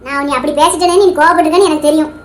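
A woman's voice: sits high, fairly even intonation, very fast, faint music behind, natural voice. A woman voicing an affectionate, teasing old grandmother in a cartoon, with a Tamil Nadu accent. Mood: tearful. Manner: teasing, then tearfully apologetic. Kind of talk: cartoon voice acting.

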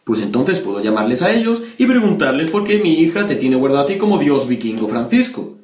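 In a prank phone call improvisation, a young man with a Spain accent plays a stern, preachy policeman father of a teenage girl, sounding threatening and official while insistently accusing and repeating the listener's name. His medium-pitched, darkish voice swings widely, moves fairly quickly, and is lightly acted. He's recorded by a desk-distance webcam or camera in a small, echoey bedroom.

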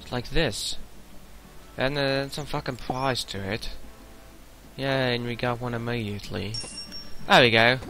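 A young man commenting on his own gameplay in a casual let's-play, muttering to himself, swearing often and breaking into sudden loud outbursts. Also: mid-range voice, fairly even intonation, measured pace, long pauses, slight background noise. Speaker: gamer narrating his play.

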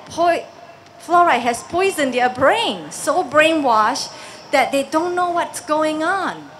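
A Singaporean woman in her forties speaks into a stand microphone at an outdoor rally, her voice sitting a little high. She talks with rising conviction and keeps putting pointed questions to her listeners. Faint open-air sound hangs behind her. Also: a little hiss or hum. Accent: Singaporean English. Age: 40s. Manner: impassioned, emphatic, with rising force and rhetorical questions. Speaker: protest speaker. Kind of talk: outdoor public speech. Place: outdoor park stage.

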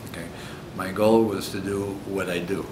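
Deep-voiced French-accented man in his sixties. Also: level tone, normal speed, reverberant, noisy background. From Egypt. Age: 60s. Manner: earnest, thoughtful, searching for words. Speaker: coach. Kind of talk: reflective interview answers. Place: indoor hotel room.

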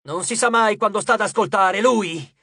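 A man voicing a boastful, hot-tempered male Titan lord of dawn in an audiobook, raised and drawn out, often shouting. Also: high voice, moderate pace, vocal fry, breathy edge, no echo, clean studio sound, voice pushed up, full character voice. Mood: fearful.

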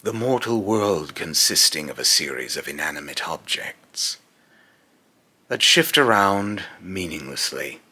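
A young adult man rehearses voice lines for a dramatic monologue, playing a menacing, scornful, godlike villain in a small room at home. His deep, gravelly, raspy voice is animated, bright, forceful, and exaggerated. The delivery is slow, pompous, and theatrical, with a grave, contemptuous mood.

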